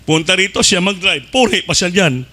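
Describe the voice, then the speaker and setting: A man preaching a sermon fervently, swinging between shouted peaks and low asides and mixing in English phrases. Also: expressive, moderate pace.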